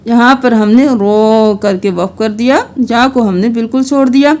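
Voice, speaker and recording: High-voiced woman teaching Quran recitation. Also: darkish tone. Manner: patient step-by-step explaining, chanting verses slowly and melodically.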